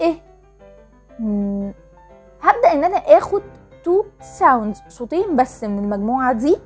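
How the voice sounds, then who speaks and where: An Egyptian woman with a high voice talks quickly as she teaches parents how children learn to read. She explains each step with care and drags out single letter sounds to show how they blend. Soft music plays behind her. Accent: Egyptian Arabic. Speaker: channel host teaching phonics to parents. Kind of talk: instructional talk to parents.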